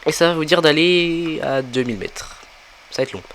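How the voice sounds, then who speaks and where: A man's voice: fairly high pitch, normal speed, a bit bright, a little hiss or hum. A young man giving a casual game walkthrough, thinking aloud with lots of fillers as he plays. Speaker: gaming tutorial creator.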